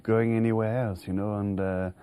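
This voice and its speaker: Man from France, French native speaker, middle-aged, horse trainer in an interview, hesitant, restarts, low warm voice. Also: little pitch movement, moderate pace, smooth. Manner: hesitant, many restarts, chuckling. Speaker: racehorse trainer. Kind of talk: interview answers.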